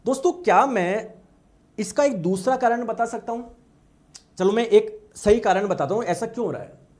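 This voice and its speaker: A man's voice: high voice, animated, moderate pace, a little mellow. A male teacher giving a classroom lecture, often asking the class questions and acting out the students' replies.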